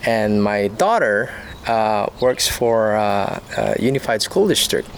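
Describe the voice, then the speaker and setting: A middle-aged man from the Philippines talking casually in a street interview outdoors, halting with many fillers. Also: on the low side, expressive, slight background noise. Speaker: interviewee passerby.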